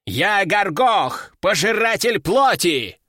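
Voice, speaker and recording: A man's voice: high-pitched, big pitch swings, slow, pushed and bright, no room sound, clean studio sound, full character voice. A man voicing a boastful, hungry male demon in an audiobook, snarling and mocking. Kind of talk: audiobook character voice.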